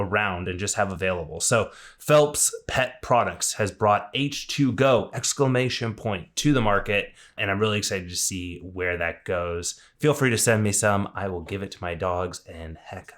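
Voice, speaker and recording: A man hosting a veterinary industry news podcast, talking through stories in a casual, conversational way with enthusiastic asides. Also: on the low side.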